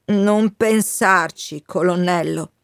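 A woman's voice: on the low side, takes it slowly, vocal fry, clean tone, no echo. Give me an earnest, pleading wind spirit, as a woman reads him, raised and urgent, in a dry close sound. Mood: gentle.

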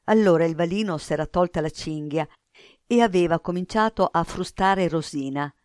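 A woman reading a novel aloud in a measured literary reading, slowing at pauses. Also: on the low side, darkish tone, no room sound, clean studio sound. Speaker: reader.

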